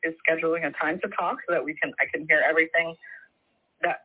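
A woman's voice: deep voice, flat delivery, fast talker. A reporter, a woman, speaking over the phone in a polite, hesitant way, with many ums. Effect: heard over the phone. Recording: tinny phone line.

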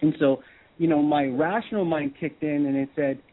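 Radio call-in caller: Canadian man, a bit high-pitched, halting and repetitive, thin phone-quality audio. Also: steady tone. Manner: hesitant, restarts with repeated words. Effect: phone-line caller audio. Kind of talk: telling a personal story on a call-in show. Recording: tinny phone-like line.

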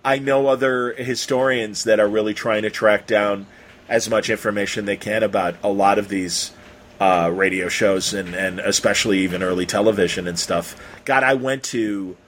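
A middle-aged radio host interviews an author in an informal, rambling way, circling around his questions. His voice is on the low side with fairly even intonation, a fairly bright tone, and a moderate pace, and there's slight background noise.

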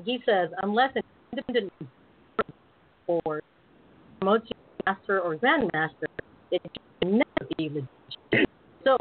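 A woman hosting a live online show whose audio breaks up over a bad connection, talking in halting, trailing phrases. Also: lowish voice. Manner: halting, trailing off mid-sentence. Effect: bad connection, audio breaking up and dropping out. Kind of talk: casual chat. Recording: tinny, noisy, glitchy online stream audio.

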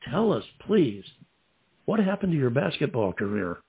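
Over a tinny phone line, a radio host who has lived in Southern California interviews a musician, politely and formally posing long, meandering questions. His voice sits at a medium pitch, sing-song, gravelly, and a bit rough, at normal speed.

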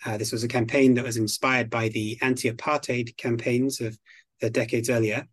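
Measured, articulate man from the United Kingdom. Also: medium pitch, little pitch movement, no room sound. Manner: measured, articulate, slow and deliberate. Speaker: guest expert on biodiversity. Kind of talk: podcast interview.

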